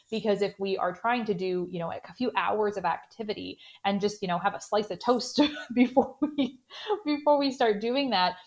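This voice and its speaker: A woman with a Canadian accent, a sports dietitian guest on a podcast interview, explaining steadily with frequent "you know" fillers. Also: mid-range voice.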